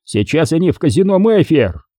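A man voicing a furious, volatile middle-aged gang boss who snarls and yells threats in an audiobook reading. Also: fairly high pitch, sing-song, moderate pace, dry recording, studio quality, pitched above the performer's own voice. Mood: raging. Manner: snarling, yelling threats in bursts.

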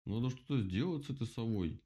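A man's voice: medium pitch, expressive, a little fast, dark tone, lightly acted. A man voicing a grumpy male mole in a children's storybook, grumbling.

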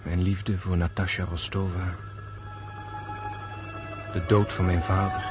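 An actor playing a melancholy prince and officer, speaking a grave, deliberate, introspective monologue in a radio drama. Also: male voice, sits low, flat delivery. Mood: brooding, sorrowful. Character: melancholy Russian prince and officer brooding before battle. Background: orchestral string music.

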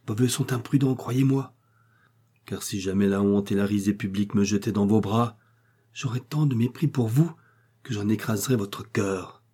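A man's voice: lowish voice, normal speed, mellow, slightly rough. A man reading the lines of a proud young heiress who vehemently accuses a man, with scornful fervor.

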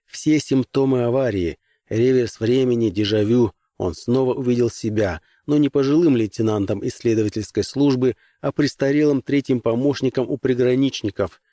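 A man narrates a science-fiction audiobook in a steady, even voice of middling pitch. He is recorded on a close studio mic with a completely dry sound. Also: dry recording. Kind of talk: scripted narration.

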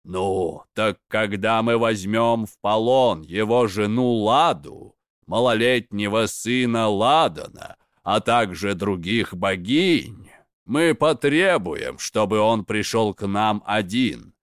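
A man reading a fairy tale aloud and voicing a cruel, scheming giant chieftain who lays out a plan in a measured, commanding way. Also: fairly low pitch, no echo, clean studio sound, voice pushed down.

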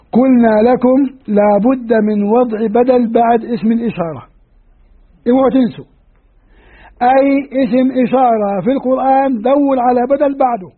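A man's voice: very high-pitched, husky. A male religious teacher giving a patient grammar lecture, asking his students questions as he explains. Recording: tinny lo-fi phone-like recording.

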